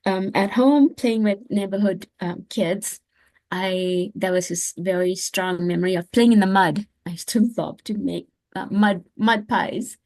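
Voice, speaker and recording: An older woman from Sri Lanka, sharing childhood and adult memories in a casual workshop over a video call, reflective and halting with fillers. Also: medium pitch, a little mellow, dry recording. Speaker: conference participant.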